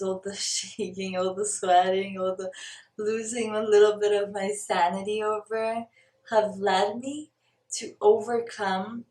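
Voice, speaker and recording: Sincere and searching, a young woman from Brazil speaks to camera in her personal spiritual vlog, pausing sometimes to hunt for a word. Her medium-pitched voice has a darkish tone, recorded in a roomy space with a distant microphone.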